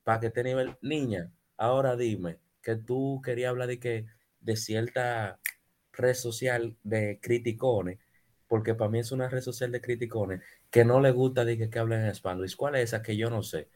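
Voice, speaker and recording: A Dominican-accented man on a casual podcast, jumping in with jokes and repeating himself as he gets going. His voice sits at an ordinary middle pitch, and he talks in a loose, lively back-and-forth. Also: normal speed. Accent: Dominican Spanish. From Dominican Republic. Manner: animated, joking, repeats words. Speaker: podcast co-host. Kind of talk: casual chat.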